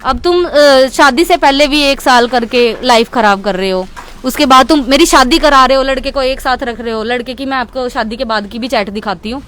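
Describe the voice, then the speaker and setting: A woman's voice: sits high, normal speed, a bit bright, slight background noise. A young woman from Chandigarh giving a heated media interview, speaking in an indignant, insistent way. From Chandigarh, India. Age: young adult. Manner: indignant, insistent, keeps repeating "okay".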